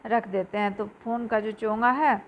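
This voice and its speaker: A woman's voice: on the high side, fairly even intonation, normal speed, slight background noise. A young woman teacher reading a play aloud and explaining the meanings of hard words to children. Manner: reads dialogue aloud then explains word meanings to children. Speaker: Hindi teacher.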